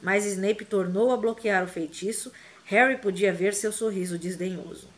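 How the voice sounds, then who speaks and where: A woman's voice: mid-range voice, moderate pace. Woman reading a novel aloud, dramatic. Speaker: audiobook reader. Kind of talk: expressive audiobook narration.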